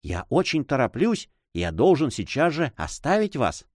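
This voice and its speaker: A man's voice: fairly high pitch, big pitch swings, normal speed, dry recording, clean studio sound, voice pushed up. A man voicing a frightened, hesitant Spanish monk who stammers timidly. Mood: fearful.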